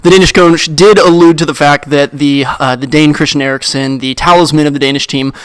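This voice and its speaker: A young man as co-host and analyst, giving mock sports commentary in a dry, deadpan pundit tone. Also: fairly high pitch, a little fast, smooth.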